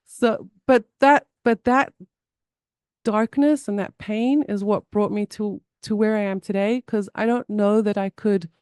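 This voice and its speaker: This woman, a somatic therapist with a South African accent, is an interview guest who talks earnestly and frequently restarts or repeats herself in the conversation. Her mid-range voice is a little mellow and clean, captured in a clean studio with no echo.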